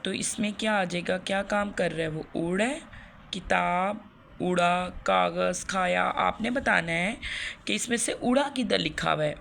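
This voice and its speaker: Pakistani urdu teacher lady, slow and patient, bright crisp voice, kinda gravelly. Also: lowish voice, a little hiss or hum. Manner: slow, repeats words and asks questions then answers them. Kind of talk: classroom grammar lesson for young children.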